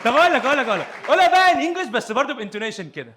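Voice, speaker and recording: A young Egyptian man teaching English to a crowd, playful and quick to laugh as he quizzes his students. His voice sits high and rushes along at a fast clip. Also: very animated, noisy background. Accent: Egyptian Arabic. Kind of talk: lively classroom teaching. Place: youth hall with a live audience.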